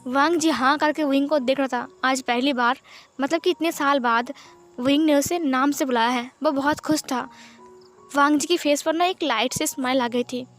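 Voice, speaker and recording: A woman's voice: sits high, moderate pace, soft background music. A woman retelling a fan fiction story aloud as a storyteller, in a plain, simple way.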